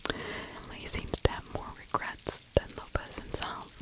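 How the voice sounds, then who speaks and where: A little slow and completely whispered, the narration comes from a middle-aged woman hosting true crime ASMR in a small indoor space. She sits right on a close mic with a furry windscreen, her soft, breathy delivery conversational and full of her own opinions about the story.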